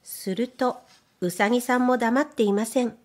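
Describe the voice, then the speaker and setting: A woman reader and voice trainer who narrates children's stories in a gentle, careful way. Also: fairly high pitch, moderate pace. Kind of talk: storybook narration.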